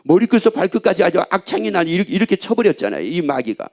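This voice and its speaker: A male pastor delivers a sermon in a high voice that swings widely up and down. He speaks straight to his listeners, asks one rhetorical question after another and repeats phrases to press each point. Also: sing-song, rapid-fire, gravelly, darkish tone. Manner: emphatic rhetorical questions to the congregation; repeats and restates phrases for emphasis.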